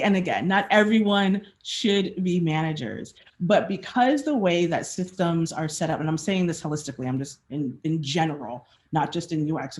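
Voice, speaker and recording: Woman, meetup speaker, conversational talk, frank, relaxed, frequent fillers, acted-out quotes. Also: on the low side. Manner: acts out quoted questions to herself and others.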